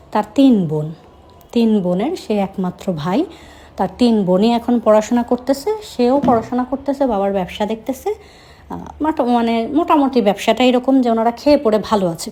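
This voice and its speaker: A young woman with a slight Chittagong Bengali accent recounts her own story in an easy, chatty way. Her voice is mellow and low in brightness, and she often pauses or restarts her sentences. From Chittagong, Bangladesh. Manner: conversational, with frequent hesitations. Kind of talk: first-person storytelling.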